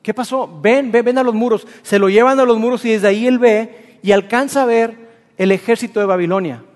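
A preacher retells a story in a lively, colloquial way. His voice sits high for a man. Long reverb from the hall hangs after his words. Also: brisk. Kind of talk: sermon storytelling.

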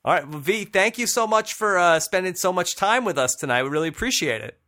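A man's voice: high-pitched, animated, brisk, bright, forceful tone. A man hosting a podcast, chatting casually and laughing often. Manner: laughs often, loose and joking. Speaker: podcast host.

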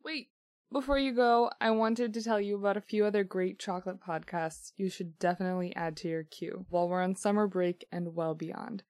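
A woman hosting a podcast, giving show announcements and interviewing a guest in an upbeat, clear way. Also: medium pitch, fairly even intonation, a little fast, a little mellow, no room sound. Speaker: podcast host.

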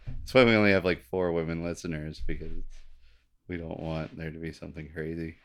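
A man's voice: deep voice, steady tone, fairly quick. A male podcast co-host telling a story in casual chat, laid-back, laughing often and swearing casually.

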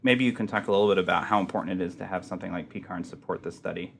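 Man, very deep voice, gravelly, fast-talking interviewer. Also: a little hiss or hum. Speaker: interviewer, medical fellow. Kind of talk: interview questions.

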